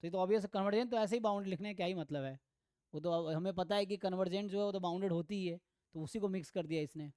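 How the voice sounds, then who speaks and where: A man teaching an online exam-prep math lecture, thinking aloud and reading theorem statements slowly. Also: sits high, a little mellow, clear, resonant tone, dry recording, clean studio sound. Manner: thinks aloud, mixes Hindi with English terms. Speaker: math tutor.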